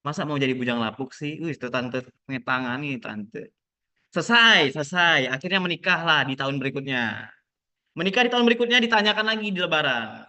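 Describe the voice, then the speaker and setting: A man's voice: fairly high pitch, animated, brisk, sharp tone. A young man, a lecturer, teaching a casual online class over a video call, joking and acting out the nosy questions of relatives.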